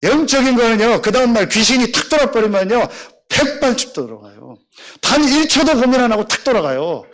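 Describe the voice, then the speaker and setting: A middle-aged male pastor preaching a sermon with emphatic, animated storytelling. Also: very high voice, fairly quick.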